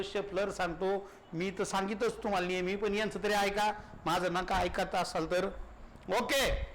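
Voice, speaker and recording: A man's voice: high-pitched, fairly bright tone. A male teacher giving an exam-prep lecture, explaining step by step and answering his own questions.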